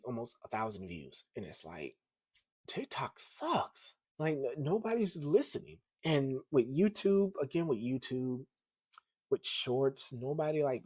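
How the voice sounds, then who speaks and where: A man's voice: mid-range voice, darkish tone, breathy edge, no room sound. A young man talking casually and candidly in a home vlog, hesitant, with many fillers and restarts. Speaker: comic book vlogger. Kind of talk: casual personal vlog monologue. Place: living room of a small apartment.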